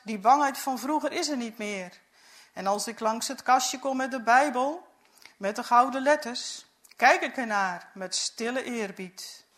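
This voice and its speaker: A woman's voice: fairly high pitch, fairly bright tone. A woman reading a story aloud in the first person, in an earnest, reflective way. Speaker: narrator.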